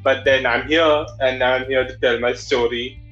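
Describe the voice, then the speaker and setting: A man's voice: medium pitch, fairly even intonation, moderate pace, a bit bright, soft background music. Man with a Malayali accent, dull audio. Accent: Malayali Indian English. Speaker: interview guest, drag performer. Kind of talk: personal storytelling in an interview.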